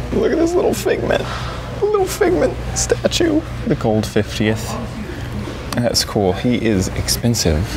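A man vlogging casually as he walks through a large indoor antique mall, excitable and exclaiming often, recorded on a handheld camera. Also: medium pitch, gravelly, background noise. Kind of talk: casual walk-around vlog. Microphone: handheld camera held while walking.

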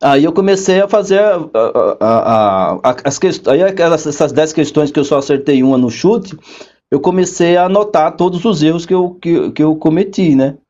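Man, interview guest, casual storytelling, acts out quotes, slightly high voice, muffled audio. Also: normal speed. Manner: animated storyteller, acts out quoted dialogue with big pitch jumps. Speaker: guest, court clerk.

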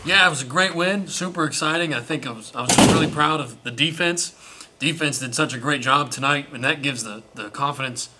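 A man's voice: a little high, fairly quick, very noisy. A young man, a college quarterback, answering post-game press questions earnestly, with many small restarts. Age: young adult. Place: indoor press room before sponsor backdrop.

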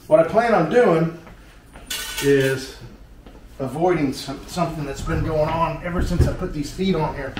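In a cramped tiled living room, a fifty-something American vlog host with a slightly high voice speaks at a moderate pace. He walks through a DIY job in a casual, folksy, joking way, thinking out loud. Recorded on a handheld action camera at shifting distances, the audio is echoey with clear background noise.

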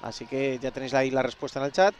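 A man's voice: medium pitch, little pitch movement, very fast, slight background noise. A man with a Spain Spanish accent doing live basketball play-by-play, chatty and talking straight to the viewers in the stream chat. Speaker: play-by-play commentator.

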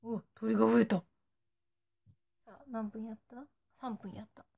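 Fans on a casual live stream ask a playful young Nagoya-accented woman for short cutesy phrases, and she delivers. Her voice sits on the high side, level and a little slow, mellow with some vocal fry.

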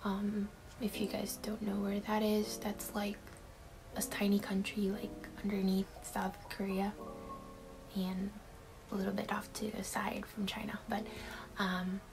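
With a medium-pitched, monotone voice at a measured pace, a Taiwanese vlogger in her twenties chats casually to camera during a bedroom Q&A, sprinkling in fillers and little laughs. Music plays behind her, and the audio is poor.

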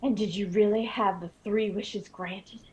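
An actress playing an anxious, gently scolding and curious mother in a radio drama. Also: medium pitch, steady tone, a little slow, a little hiss or hum, natural voice, rough recording.

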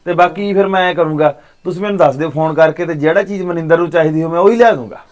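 A man, acting as an uncle in a short film, gently consoling and reassuring his niece. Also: a little high, very fast. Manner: warm, fatherly consoling. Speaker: uncle by marriage.

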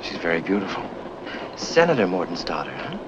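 An actor playing a smooth, ingratiating stranger who chats up a man on a train, heard from an old film soundtrack. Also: deep voice, very animated, brisk, dull audio, noisy background. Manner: ingratiating, chatty, teasing. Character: smooth, overly familiar male stranger on a train.

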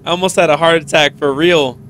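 A man's voice: fairly high pitch, steady tone, brisk, a bit bright, slight background noise. A man in his thirties giving jumpy, sweary commentary on a horror game into a headset mic. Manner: jumpy, exclaiming, swears freely. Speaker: gaming video host.

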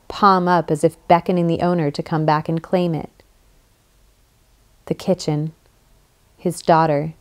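A woman reading a novel aloud as an audiobook narrator, measured and vivid. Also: sits low, smooth. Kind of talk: scripted narration.

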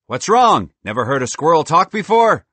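A man voicing a chatty, bold little male squirrel in a storybook, talking loudly and excitedly. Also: a little high, normal speed, no room sound, voice pushed up, exaggerated voice. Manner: loud, excitable and boastful. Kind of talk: storybook voice acting.

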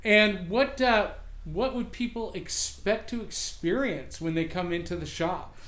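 A man's voice: high-pitched, unhurried, fairly bright tone. A man hosting a road-trip video, introducing a shop and its owner with upbeat enthusiasm. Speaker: show host. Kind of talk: casual vlog hosting.

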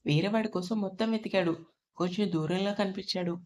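A woman narrates an audiobook love story at a middling pitch. Her reading is steady and even, the voice of a storyteller carrying the plot along. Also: fast, a little hiss or hum.

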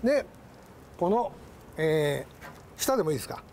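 A man's voice: on the high side, big pitch swings, unhurried, heavy background noise. A man running a shop, demonstrating a barbecue grill outdoors and explaining each step in an eager, agreeable way. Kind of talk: explaining a product on location.

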